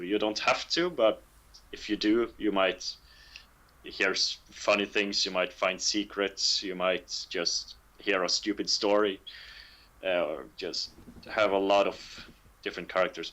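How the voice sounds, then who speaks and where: Low-voiced man, halting and thoughtful. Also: fairly even intonation, sharp tone. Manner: halting, many fillers, laughs often. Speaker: game developer.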